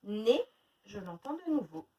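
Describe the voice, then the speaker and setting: A woman teaching a phonics lesson to young children, sounding out words slowly syllable by syllable. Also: a little high, big pitch swings, darkish tone, far from the mic, lo-fi sound. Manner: slow, exaggerated syllable-by-syllable pronunciation. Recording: faint noise, voice a little off-mic.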